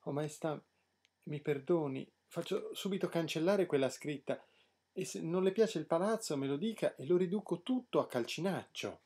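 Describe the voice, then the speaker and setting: A nervous, apologetic young prince from a fairy tale, voiced by a man reading the story. His voice is husky and mellow with a lively pitch. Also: moderate pace. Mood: pleading. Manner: humble, apologetic. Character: anxious, pleading young prince, male.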